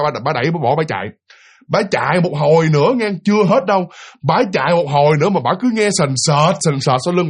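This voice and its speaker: A man tells a ghost story in a chatty, filler-heavy way. His voice is husky and fairly high. He talks quickly, and his pitch swings all over the place. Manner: chatty, with many fillers, addressing the listeners directly. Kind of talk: casual spoken ghost story.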